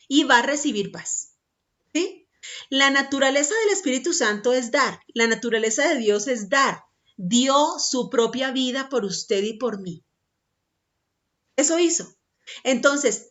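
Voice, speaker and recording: A woman's voice: high voice, dull audio. A woman preaching a sermon emphatically, repeating her points and checking in with the listener.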